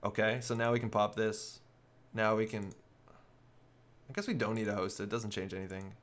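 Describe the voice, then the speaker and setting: A man's voice: fairly low pitch, fairly even intonation, normal speed, fairly bright tone. A man giving live, casual commentary on a card game, thinking aloud as he works through each play step by step.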